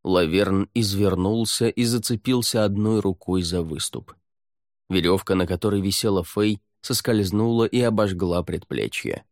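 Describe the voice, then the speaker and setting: A man reads audiobook narration in a very low, steady, measured voice. The sound is close and dry, with no room around it. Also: no echo. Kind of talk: scripted narration.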